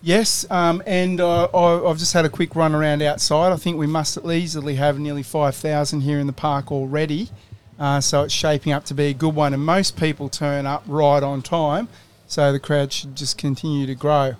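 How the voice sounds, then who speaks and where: A man's voice: a little high, flat delivery, moderate pace, hardly any pauses, clear, resonant tone. A man with an Australian accent co-hosting a podcast in a casual, chatty style. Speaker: podcast co-host.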